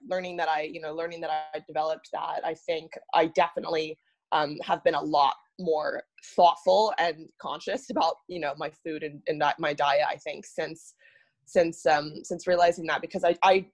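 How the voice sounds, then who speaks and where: A young woman from Singapore, a podcast guest, telling her story in a thoughtful, casual way. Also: sits low. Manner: thoughtful, many fillers and restarts.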